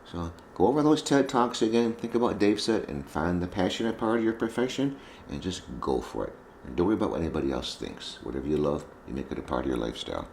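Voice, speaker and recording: A man's voice: sits low, a little mellow, slight background noise. A man giving an informal, conversational lecture to a group of veterinary students. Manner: folksy, conversational, repeats points. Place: conference room with students. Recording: echoey room with faint ambience.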